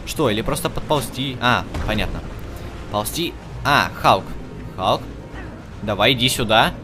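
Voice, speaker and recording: A man hosting a let's-play speaks a little slowly, medium in pitch and expressive. Over video game music, he offers chatty commentary, reasoning aloud and addressing the on-screen characters.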